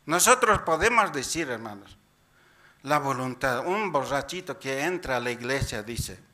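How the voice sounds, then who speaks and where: A man's voice: mid-range voice, animated, normal speed, pushed and bright. A man from Bolivia preaching a Sunday church sermon as a deacon, often asking the congregation questions and calling them brothers. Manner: repeatedly asks the congregation questions and keeps addressing them as brothers; tags sentences with "dice" while paraphrasing scripture.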